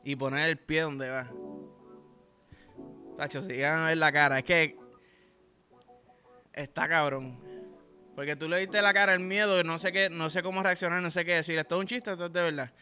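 Puerto rican guy hosting a podcast, crude and slangy, high bright voice. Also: fairly even intonation, normal speed, pauses often, soft background music. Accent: Puerto Rican Spanish. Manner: crude, profane, rambling, slangy. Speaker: podcast host. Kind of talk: casual comedic storytelling.

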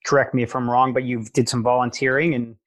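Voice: medium pitch, little pitch movement, quick pace. An interview host who asks long, thoughtful questions and affirms often. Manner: thoughtful, affirming listener with frequent backchannels. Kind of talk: casual interview conversation.

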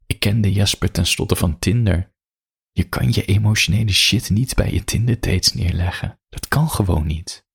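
A man reading an erotic story aloud in slow, quiet first-person narration, with a husky voice. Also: deep voice. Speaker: reader.

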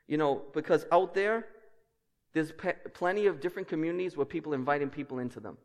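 Male preacher, fairly high voice, big reverberant hall; emphatic sermon built on repetition. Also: fast talker. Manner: repetitive, emphatic phrasing with rhetorical questions. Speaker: pastor. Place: large indoor church hall. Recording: echoey hall with long reverb.

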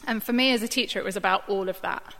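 A woman's voice: mid-range voice, quick pace, fairly bright tone. A woman who works for a church gives an informal, thoughtful Bible reflection, talking conversationally with plenty of fillers. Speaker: church staff member giving a Bible reflection. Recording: long hall reverb.

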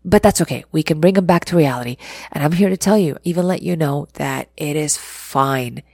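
A woman's voice: low-pitched, a little fast, darkish tone, no echo, studio quality. A middle-aged woman therapist hosting a parenting talk, speaking earnestly and conversationally and acting out quoted lines. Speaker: therapist and parenting podcast host. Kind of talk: casual advice talk.

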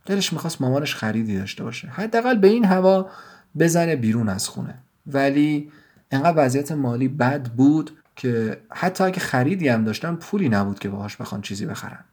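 A man reading his own written story aloud in a measured, even storytelling manner. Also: mid-range voice. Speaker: writer and narrator. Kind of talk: scripted story narration.

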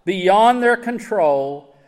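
A man's voice: high-pitched, expressive, drawn-out words, in a large hall. A man preaching a sermon, earnest and emphatic, asking his listeners rhetorical questions. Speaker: pastor.

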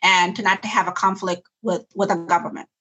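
Speaking fairly quickly in a medium-pitched voice that sounds pushed and bright with a breathy edge, a South Sudanese woman is interviewed about the nonprofit she founded. Her intonation stays fairly even, and she talks earnestly and reflectively, frequently restarting phrases before moving on.

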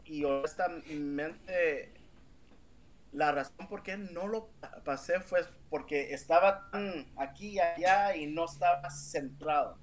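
A man's voice: fairly high pitch, slow pace, slight background noise. A man as a podcast interview guest, telling a personal story earnestly and emphatically, with stumbling restarts. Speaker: interview guest, real estate agent.

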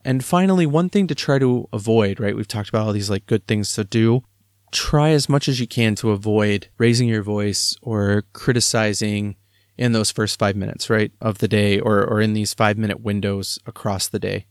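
A man's voice: lowish voice, moderate pace, dry recording, studio quality. A man, likely in his thirties, talking through parenting advice in a conversational, reflective way with frequent fillers. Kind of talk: casual advice talk.

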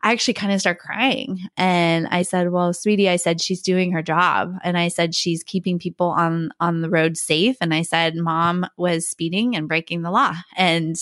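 A middle-aged woman co-hosting a faith podcast, telling a personal story in a casual, animated way, laughing often and acting out what people said. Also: fairly low pitch, moderate pace, few pauses, no room sound, studio quality. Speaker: podcast co-host.

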